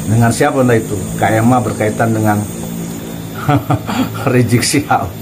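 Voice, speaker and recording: A man's voice: mid-range voice, slight background noise, poor audio. A man hosting an online commentary, mocking and chuckling as he talks to an absent figure. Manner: mocking, chuckles between remarks, addresses absent figure directly. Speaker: commentary channel host.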